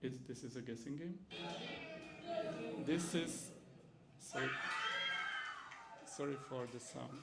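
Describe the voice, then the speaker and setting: Speaking slowly with long pauses, a Czech-accented university lecturer from the Czech Republic runs a teaching demonstration in English, his second language, often using fillers and restarting sentences. His mid-range voice is gravelly, and the recording is very noisy.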